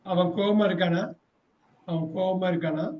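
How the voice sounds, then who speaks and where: A man runs an English class, repeating each prompt and gently fixing mistakes. His voice sits notably high for a man. The recording is dull and lo-fi. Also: steady tone, normal speed. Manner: gives prompts again and again, corrects answers patiently. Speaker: English teacher. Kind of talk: bilingual class drilling.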